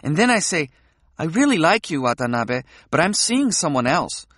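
A man's voice: on the high side, moderate pace, no room sound, clean studio sound. A man reading an audiobook, voicing a frank, playful young woman who teases and provokes. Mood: dreamy, playful. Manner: teasing, provocative, animated.

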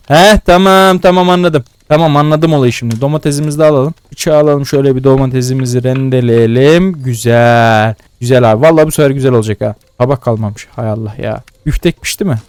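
A young man doing casual gaming commentary, excitable and swearing as he scolds the customers in a cooking game. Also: medium pitch, fast talker, hardly any pauses, smooth, dry recording. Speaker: gaming YouTuber. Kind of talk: casual let's-play commentary.

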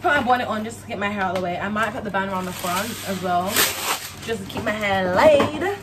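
A woman's voice: medium pitch, quick pace, heavy background noise. A young woman, chatting casually and rambling to camera in a vlog, often correcting herself. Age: young adult. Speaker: vlogger. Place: at home.

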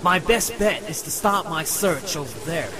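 Man voicing Silver, high-pitched boyish hedgehog hero. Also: normal speed, background noise, natural voice. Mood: musing. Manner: earnest, animated, eager. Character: eager young heroic hedgehog apprentice, boyish and brash. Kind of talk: animated comic dub voice acting. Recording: music behind the voice.

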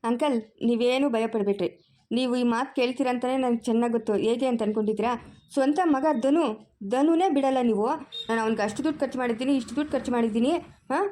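A woman's voice: a little high, quick pace, mellow, natural voice. Woman playing a firm young woman. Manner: firm, reassuring, reasoning. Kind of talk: family drama acting.

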